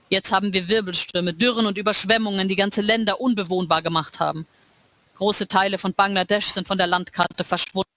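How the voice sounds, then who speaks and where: A woman reading aloud, voicing a cold, all-knowing male world ruler who speaks slowly and calmly, like a lecture. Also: high-pitched, no echo. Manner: slow, calm and lecturing. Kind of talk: dramatic reading of a novel.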